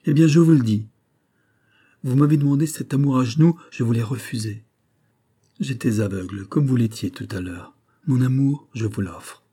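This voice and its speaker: A man's voice: medium pitch, normal speed, dark tone, husky, close to an everyday voice. A man voicing a proud, passionate noblewoman in an audiobook of a classic novel, pleading and insistent.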